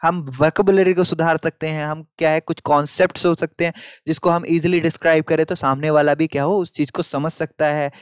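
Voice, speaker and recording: Male tutor, a bit high voiced, slow read-outs then chatty explaining, dry close mic. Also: fairly even intonation, clean tone, no echo. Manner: reads English passages slowly, explains in chatty Hindi with fillers. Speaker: lecturer. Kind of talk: exam-paper lecture in Hindi-English mix.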